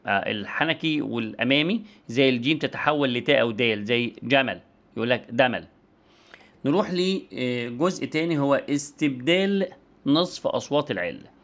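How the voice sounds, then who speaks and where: A man's voice: medium pitch, a bit bright. A man with an Egyptian Arabic accent giving an online lecture and demonstrating speech sounds as he explains.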